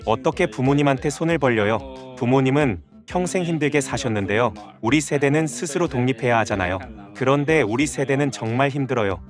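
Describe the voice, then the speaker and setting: Twenties man, blunt interviewee, mid pitch, music under. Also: fairly quick. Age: 20s.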